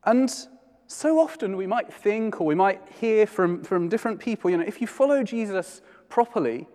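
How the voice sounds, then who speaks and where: A man preaching a sermon in a church, conversational and halting, often restarting his sentences. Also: sits high, lively intonation, darkish tone, in a large hall.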